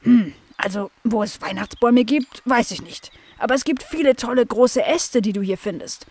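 A woman voicing a calm, helpful male beaver in a children's audio story, easygoing in manner. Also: fairly high pitch, moderate pace, natural voice.

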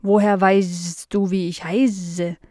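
A woman voicing a forgetful, slow-witted male house fly who draws out his words, in a children's audio story. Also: medium pitch, flat delivery, mellow, no room sound, clean studio sound, natural voice. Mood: puzzled. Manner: very slow, drawn-out, puzzled.

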